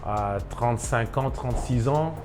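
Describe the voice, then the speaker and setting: Over background music, a man in his thirties from Ivory Coast speaks unhurriedly at a medium pitch. He's a chef who owns a restaurant, and his documentary interview is full of hesitations and restarts.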